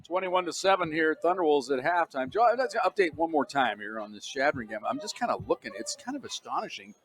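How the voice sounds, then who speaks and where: A man's voice: fairly high pitch, lively intonation, fairly quick, a bit bright. An older man calling a college football game on radio, chatty and fond of telling stories between plays. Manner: storytelling, chatty, chuckling. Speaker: play-by-play announcer. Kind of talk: radio sports commentary. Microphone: broadcast booth microphone.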